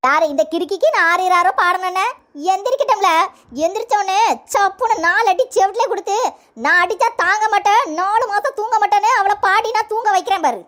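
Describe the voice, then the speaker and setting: A woman voicing a bossy, sharp-tongued old mother-in-law in a cartoon serial, ranting in a Tirunelveli accent. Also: extremely high pitch, brisk, slight background noise. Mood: scolding. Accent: Tirunelveli Tamil. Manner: scolding rant with rural slang.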